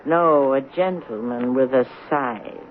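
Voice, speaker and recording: An elderly, romantic spinster speaks in a low voice for a woman, precise, reflective, pious, and gently probing, in the style of 1970s radio drama acting. She takes it slowly with a wistful mood, heard through a narrow, slightly noisy broadcast.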